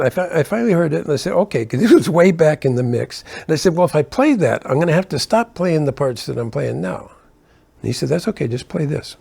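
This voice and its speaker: Gravelly older man telling road stories. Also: fairly high pitch, mellow. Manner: rambling, self-correcting, chuckles between asides. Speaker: keyboard player telling tour stories. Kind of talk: casual anecdotal storytelling.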